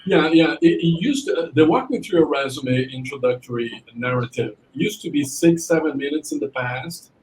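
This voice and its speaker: A man's voice: a little high, animated, moderate pace, hardly any pauses, darkish tone, poor audio. A male admissions consultant, a podcast guest, giving advice in a rambling way, with frequent restarts and "you know"s.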